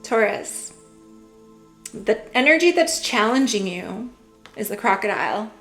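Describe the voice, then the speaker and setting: A young woman giving a casual tarot reading, musing gently and filling her talk with "like" and "you know". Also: on the high side, lively intonation, measured pace, faint music behind. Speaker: tarot reader.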